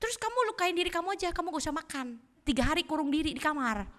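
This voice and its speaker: Brief: woman doing a cunning devil, coaxing, lively and bright, roomy hall sound. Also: high voice, pitched above the performer's own voice. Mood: sly, egging on. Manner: wheedling, urging on in a loud quick voice. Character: cunning male devil, sly coaxing tempter. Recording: echoey church hall.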